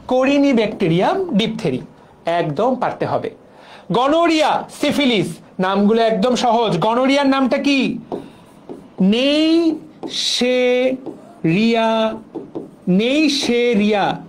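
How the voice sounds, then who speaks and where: A man's voice: very high voice, darkish tone. A young man from Bangladesh teaching a biology exam-prep class, drilling memory tricks through repetition. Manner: playful, drills mnemonics with repetition. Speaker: biology lecturer.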